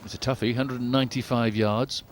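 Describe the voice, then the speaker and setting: A man giving live golf commentary as the lead commentator, in a measured, understated, conversational way. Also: medium pitch, steady tone, slight background noise.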